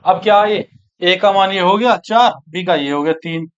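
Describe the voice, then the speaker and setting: High-voiced man teaching maths. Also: clean tone, dull audio. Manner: brisk, coaxing, keeps checking in with students. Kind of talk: exam-prep maths lesson.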